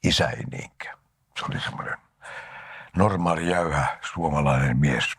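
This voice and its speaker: An older man from Finland, an actor giving an interview, telling anecdotes about his life and often sinking into a breathy half-whisper. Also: a bass voice, fairly bright tone, no echo, studio quality. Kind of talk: reminiscing interview talk.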